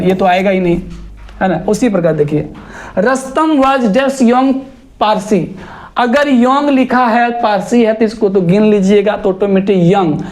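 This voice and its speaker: A teacher explaining grammar in a classroom style, going step by step, repeating points and asking rhetorical questions, and reading example sentences slowly. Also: mid-range voice, a little mellow.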